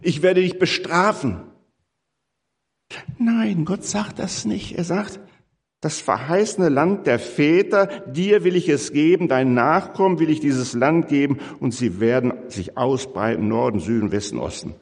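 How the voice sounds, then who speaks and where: A man's voice: on the high side, normal speed, creaky, slightly rough. Emphatic preacher man in a reverberant hall. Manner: lively, emphatic preaching that rises on key phrases; addresses listeners as "ihr Lieben". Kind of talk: sermon. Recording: long reverb of a large hall.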